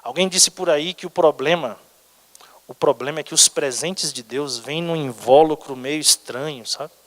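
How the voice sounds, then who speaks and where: A male pastor from Brazil preaching a sermon dramatically, moving between loud exclamations and hushed questions. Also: fairly high pitch, normal speed. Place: church sanctuary. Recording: church hall with long reverb.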